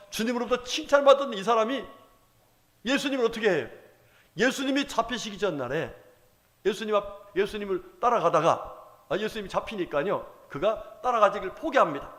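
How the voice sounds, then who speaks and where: Male pastor, high voice, sermon in a church hall with a long echo, asks the congregation questions. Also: fairly bright tone. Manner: preaching, rising and dropping, acting out Bible voices, asking the congregation. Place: church sanctuary.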